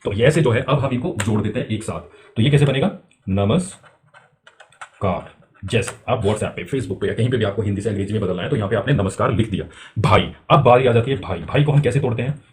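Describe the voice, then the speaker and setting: A man's voice: fairly low pitch, fast, noisy background. A man teaching a beginners' lesson step by step, asking questions and answering them himself. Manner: repeats filler phrases, drags out spelled letters. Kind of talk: spoken-English lesson for beginners.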